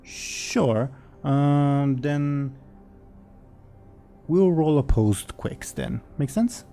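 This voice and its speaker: Guy game mastering, soft mellow tone, kinda halting casual narration, music playing behind him. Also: a little high, expressive, vocal fry.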